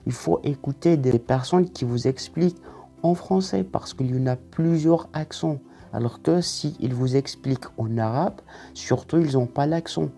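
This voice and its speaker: A man's voice: mid-range voice, normal speed, gravelly, warm tone, faint music behind. A man teaching a French language lesson online, explaining things methodically, step by step.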